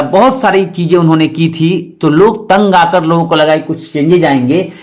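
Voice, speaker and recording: A man giving an exam-prep history lecture, explaining each point twice and asking rhetorical questions. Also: fairly high pitch. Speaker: history teacher.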